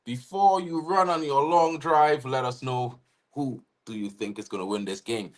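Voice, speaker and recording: With a mid-range voice at a normal speed, the Trinidadian co-host chats casually through a live football watchalong. He greets viewers with shout-outs and often says "you know what I mean."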